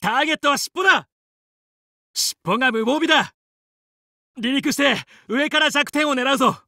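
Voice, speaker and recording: Bright, heroic young fox pilot. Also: male voice, very high voice, no echo, clean studio sound, full character voice. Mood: determined, urgent. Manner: brisk, determined, commanding yet friendly. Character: young heroic anthropomorphic fox space pilot, confident team leader. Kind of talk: Japanese video game voice acting.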